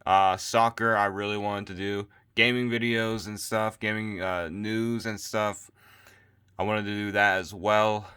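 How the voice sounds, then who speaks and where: This casual late-night sports rant comes from a tired man vlogging on his phone mic, his voice giving out while he rambles and says things twice. He speaks on the low side with a flat, unhurried delivery, and his voice sounds pushed, bright, and smooth.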